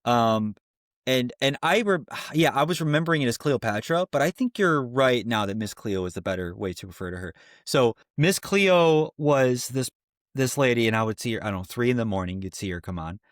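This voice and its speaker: A man's voice: medium pitch, expressive, brisk, no room sound, studio quality. A man in his forties co-hosting a podcast, leading the casual chat by reading items off a list and asking questions. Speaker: podcast co-host.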